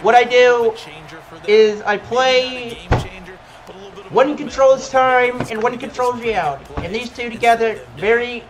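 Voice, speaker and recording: Casting: man, very high voice, cocky game trash talk. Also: slow, rough recording. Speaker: gamer. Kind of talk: trash-talking game commentary.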